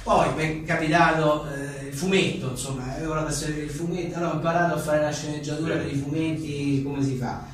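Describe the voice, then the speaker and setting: At a live book presentation in an echoey venue, a man interviewed as a writer speaks in rambling, hesitant phrases full of little tag questions. His voice is a little high and steady, quick with hardly any pauses, picked up by a distant mic in an echoey room with faint noise.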